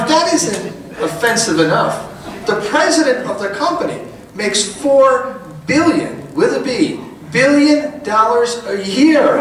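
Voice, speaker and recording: Middle-aged guy at a podium firing up a rally, bright voice, faint room hum, big echoey function hall. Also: very high voice, distant mic. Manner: folksy, rousing, rising to emphatic peaks. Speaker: politician. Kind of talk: campaign rally speech. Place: large indoor function hall. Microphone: podium mic, recorded by a far camera.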